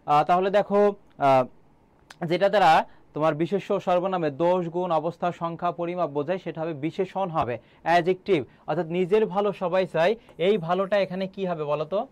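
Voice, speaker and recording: A man's voice: high voice, moderate pace, a little mellow, dry recording. A young man teaching an online exam-prep class, quizzing students and repeating key answers, with frequent filler sounds.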